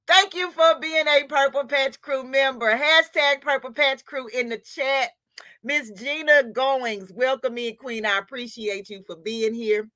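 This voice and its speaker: Woman host, bright tone and dry close sound, chatty and loose, greeting livestream viewers. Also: high voice, unhurried, no room sound. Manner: chatty, laughing, scattered, addresses viewers as queen. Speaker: livestream host of a sewing channel.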